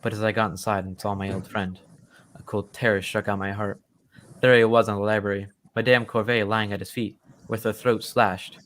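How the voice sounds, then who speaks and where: An actor playing a genial, loyal and excitable English gentleman doctor who tells stories in old-time radio drama style. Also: on the low side, normal speed, close to an everyday voice. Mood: earnest storytelling. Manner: genteel, old-fashioned storytelling.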